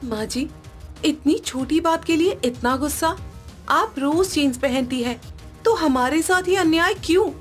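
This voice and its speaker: Lady voicing a higher, outspoken cartoon bahu, pleading, slow. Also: soft background music. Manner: pleading, questioning. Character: outspoken young daughter-in-law.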